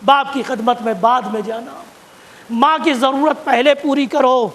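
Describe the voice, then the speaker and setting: A man preaching a sermon, repeating phrases for emphasis and rising to shouts at key points. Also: very high voice, steady tone. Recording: long hall reverb.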